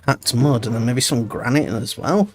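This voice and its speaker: A streamer with a mid-range voice chats casually at a moderate pace while playing a building game, thinking aloud and rambling in gameplay commentary. He sounds tired and stuffy-nosed from a cold, and background music plays.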